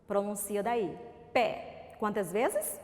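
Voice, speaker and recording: A Brazilian woman teaching a recorded literacy lesson to young children, sounding out words slowly syllable by syllable and asking coaxing questions. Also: a little high, very animated. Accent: Brazilian Portuguese. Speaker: primary school teacher. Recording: reverberant room.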